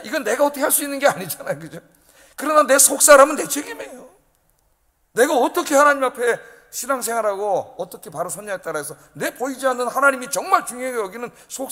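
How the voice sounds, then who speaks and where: A male pastor preaching in a fairly high voice, pressing his points hard and tossing rhetorical questions at his listeners. His words ring out with the long reverb of a church sanctuary. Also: a bit bright. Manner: emphatic preaching, often prodding the congregation with rhetorical questions. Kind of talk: sermon.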